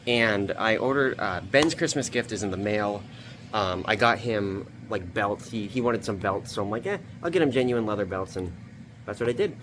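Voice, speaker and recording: Male vlog host, lower voice, rambling and informal tutorial delivery, faint background noise in a basement room. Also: normal speed. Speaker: video host. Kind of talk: casual craft tutorial vlog.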